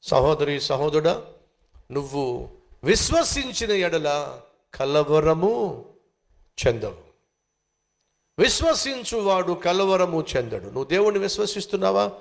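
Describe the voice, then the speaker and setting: High gravelly-voiced preacher man. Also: sing-song, a little slow, pauses often. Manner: emphatic, repetitive exhortation with direct questions to listeners. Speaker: pastor. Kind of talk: sermon.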